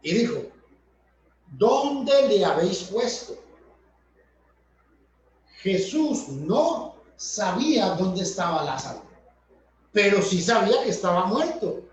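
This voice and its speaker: A man's voice: high-pitched, very animated, takes it slowly, pauses often, slight background noise. A man preaching a Bible study sermon, explaining verses patiently and restating each point in several ways. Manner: explanatory, repeats and rephrases points. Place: church hall. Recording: echoey, distant, dull church recording.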